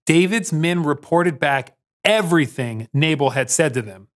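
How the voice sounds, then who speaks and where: A man's voice: a little high, expressive, moderate pace. A young man hosting as narrator, telling a scripted story for children. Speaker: narrator host. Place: studio.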